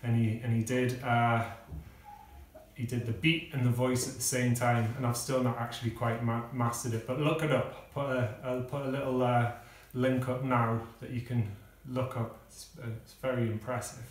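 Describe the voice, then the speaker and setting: A man giving a casual music lesson, explaining step by step with pauses and fillers. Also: mid-range voice, flat delivery, far from the mic. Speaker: music teacher. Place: kitchen. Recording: echoey room, speaker away from the mic.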